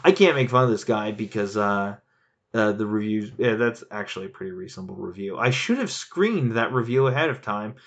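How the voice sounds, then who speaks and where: Animated man rambling about board games. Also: lowish voice, a little fast. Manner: animated, laughing, rambling with restarts. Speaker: board game reviewer reading user reviews. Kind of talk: casual chat.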